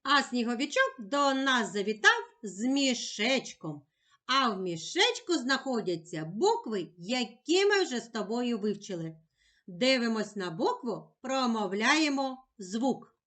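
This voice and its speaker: A woman teacher giving a slow, scripted lesson to young children, drawing out syllables clearly. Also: a little high, sing-song, a bit bright.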